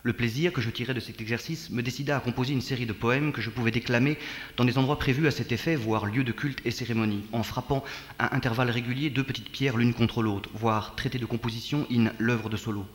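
A man performs a poetry reading in a rhythmic, hammering way, repeating words and swinging from near-murmur to sudden loud bursts. His voice sits at an ordinary pitch for a man. A long reverb trails each phrase, as in a live reading in a resonant hall. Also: steady tone, fast talker. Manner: rhythmic, repetitive declamation with sudden shifts in loudness. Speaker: poet reading his own text. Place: poetry centre reading room.

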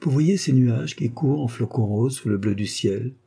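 A man reading aloud voices a devoted young woman, gentle and earnest, lifting his voice for her. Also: medium pitch, moderate pace, vocal fry, husky. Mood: tender.

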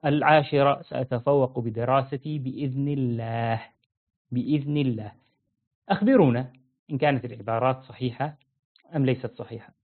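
A man giving an interactive religious lesson, quizzing listeners with repeated questions and slowing down to stress key phrases. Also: mid-range voice, fairly even intonation. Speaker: religious teacher. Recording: narrow phone-like audio.

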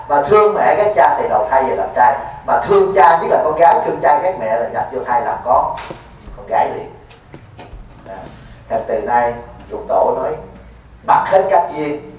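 A man's voice: a little high, darkish tone. A man, a Buddhist monk giving a folksy dharma talk at a retreat, teasing and quizzing his listeners. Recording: echoey hall, mic far off, faint noise.

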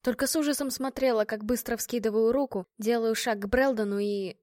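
A woman reading first-person audiobook narration in an even, measured storytelling manner on a close microphone. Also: fairly high pitch, dry recording.

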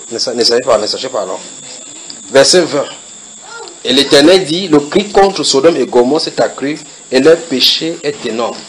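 A man's voice: medium pitch, slight background noise, poor audio. A man preaching at a house church Bible study, reading verses and putting questions to his listeners, repeating phrases for emphasis.

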